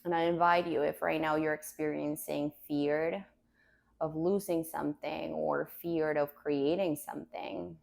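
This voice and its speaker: A woman meditation teacher leading a grounding exercise in a calm, gentle way with unhurried pauses. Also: deep voice, creaky.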